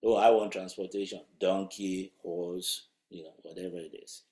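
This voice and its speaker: Man, sermon, low voice, conversational and emphatic, roomy echo. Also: fairly even intonation, normal speed, darkish tone. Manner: conversational, emphatic preaching with rhetorical questions. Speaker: preacher.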